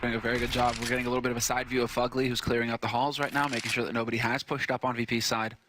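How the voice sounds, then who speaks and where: A man commentating on a competitive shooter match as an esports caster, conversational but excitable on big plays. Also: mid-range voice, racing, a little hiss or hum. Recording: clear game gunfire and clicks behind voice. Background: video game gunshots and clicks.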